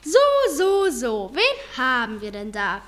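A woman's voice: fairly high pitch, very animated, slow pace, a bit bright, exaggerated voice. A woman voicing a plump, flustered old police sergeant with a fussy, blustering manner.

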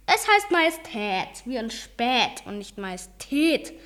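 A woman's voice: high voice, sing-song, measured pace, fairly bright tone, heavily acted. A woman voicing a young boy who speaks in a plain, matter-of-fact way.

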